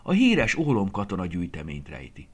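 A man voicing a loving, fussy old grandmother in a children's story, calling out in a high, shrill voice. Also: huge pitch swings, slightly rough, full character voice. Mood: tender. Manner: high, shrill cries of worry.

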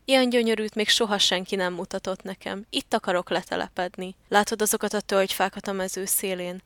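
A woman's voice: medium pitch, steady tone, a bit bright, no echo, natural voice. A woman reading the lines of Gertrud, a fussy, hard-to-please female turtle dove who is looking for a home, in a storybook voice. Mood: delighted.

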